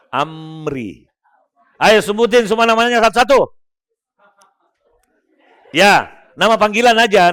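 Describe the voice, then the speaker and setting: A man's voice: high voice, a bit bright. A man giving a humorous religious motivational talk, joking with his audience and coaching them one by one. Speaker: motivational speaker.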